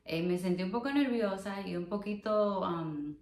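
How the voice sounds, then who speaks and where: A young Dominican woman from the Dominican Republic, a guest sharing her story in a casual interview, soft-spoken and hesitant. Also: mid-range voice, normal speed, roomy sound. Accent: Dominican Spanish. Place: living room on a sofa, indoors.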